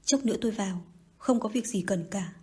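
A woman's voice: medium pitch, brisk, a little mellow, slightly rough. A woman voicing a defiant young man. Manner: curt, stubborn replies. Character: proud defiant young man, calm under threat. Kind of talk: audiobook reading.

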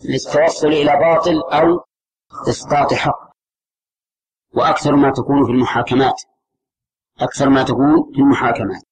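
A male scholar giving a religious lesson, measured and repetitive, putting questions to his class. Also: mid-range voice, fairly even intonation, breathy edge, rough recording. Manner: measured, repeats key terms, asks the class questions. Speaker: Islamic scholar teaching a class.

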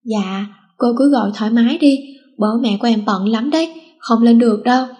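A woman's voice: fairly high pitch, a little fast, warm tone, close to an everyday voice. A woman doing a cheeky, flippant teenage schoolgirl. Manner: flippant, teasing.

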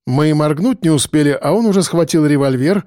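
A man narrating an audiobook with expressive, dramatic storytelling. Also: on the high side, a little fast, dry recording. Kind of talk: scripted narration.

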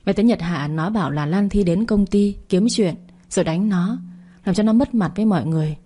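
A woman voicing a composed middle-aged mother in a storybook reading, soothing and measured in manner. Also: mid-range voice, warm tone, breathy edge, lightly acted. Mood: concerned.

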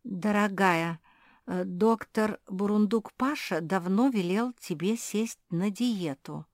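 Woman doing a gentle motherly cat owner, soft, soothing, very slow, dry close sound. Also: medium pitch, no room sound, pitched above the performer's own voice.

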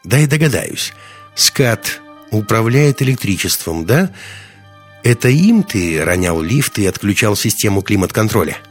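A sharp, teasing teenage girl presses on with question after question, as a man puts her on while reading an audiobook. The voice sits noticeably higher than a man's usual talk. Faint music plays underneath. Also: sing-song, measured pace. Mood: probing.

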